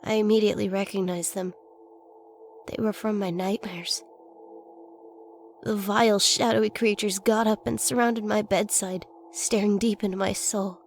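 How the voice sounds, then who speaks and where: A woman's voice: medium pitch, a little mellow. A woman reading a scripted first-person horror story as its narrator. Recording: faint noise and ambience behind voice.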